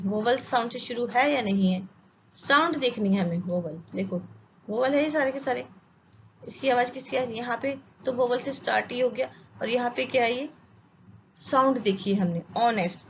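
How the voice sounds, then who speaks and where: A woman's voice: a little high, a little hiss or hum. A woman teaching an English grammar lesson with an Indian accent. She asks questions, answers them herself, and checks that her students follow. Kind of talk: classroom lesson explaining grammar. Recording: dull lo-fi sound with faint ambience.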